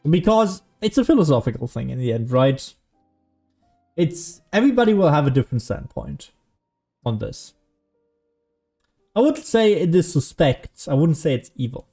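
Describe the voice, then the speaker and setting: Here the young streamer's voice sits a little high and sing-song, gravelly and dark, at a moderate pace with frequent pauses. He muses and argues aloud over his gameplay, swearing casually, while game music runs in the background.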